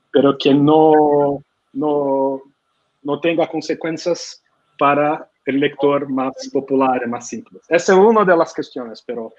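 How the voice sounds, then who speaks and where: This man's voice sits a little high and comes through a muffled recording. He's a Brazilian publishing consultant with a Brazilian Portuguese accent, guest-speaking at an online conference and answering in hesitant, non-native Spanish full of fillers and restarts.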